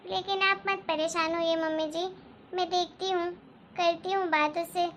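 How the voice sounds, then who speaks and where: A woman's voice: very high-pitched, fairly even intonation, normal speed, fairly bright tone, a little hiss or hum. A woman voicing a sensible elder daughter-in-law who reassures and soothes in a cartoon story. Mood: reassuring. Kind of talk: Hindi cartoon story dialogue.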